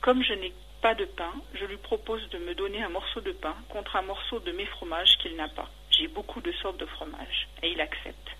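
Bright-voiced woman caller recounting a dream. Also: mid-range voice, slightly rough, poor audio. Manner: halting and hesitant when answering; steady retelling of a dream. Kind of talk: radio call-in.

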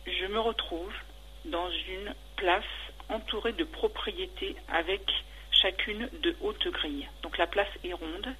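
Bright-voiced woman caller recounting a dream. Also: on the low side, slight background noise, rough recording. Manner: halting and hesitant when answering; steady retelling of a dream. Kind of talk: radio call-in.

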